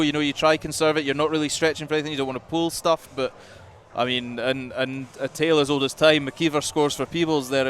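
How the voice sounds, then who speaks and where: A man with a fairly bright voice on the high side chats through rugby analysis as co-commentator, sprinkling his running explanations with "you know." He's in a commentary box at the ground, and faint outdoor noise can be heard.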